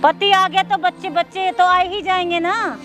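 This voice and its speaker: A woman's voice: very high voice, steady tone, a little slow, music in the background. An actress playing a harsh stepmother who nags and scolds her stepdaughter in a staged drama. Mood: scolding. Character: harsh scolding stepmother, middle-aged woman. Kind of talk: staged social drama acting.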